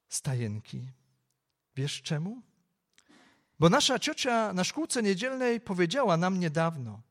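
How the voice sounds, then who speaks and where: A man voicing a pleading little girl, high voice. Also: fairly bright tone, heavily acted. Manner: earnest and begging.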